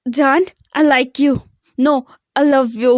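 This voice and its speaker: A woman's voice: high voice, steady tone, drawn-out words, no room sound, clean studio sound. A woman voicing a nervous young male boss who earnestly confesses his love in a storytelling video. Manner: hesitant, earnest.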